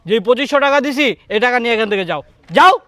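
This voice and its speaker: A man voices a greedy office manager in a short-film drama, speaking in a with sneering, threatening scorn. The voice sits high and bright and comes out quick. The sound is dry and close. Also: no echo. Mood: contemptuous.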